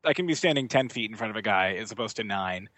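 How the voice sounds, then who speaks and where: A man's voice: fairly low pitch, animated, fairly bright tone, no room sound. Laughing man in casual gaming chat. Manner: laughs often, quick asides. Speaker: podcast co-host.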